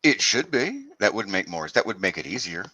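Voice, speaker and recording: A man's voice: lowish voice, big pitch swings, normal speed, pushed and bright, breathy edge, low-quality recording. An American man chatting casually on a video call, explaining at length and often restarting his sentences. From United States. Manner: explanatory, stumbles over restarts. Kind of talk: casual chat.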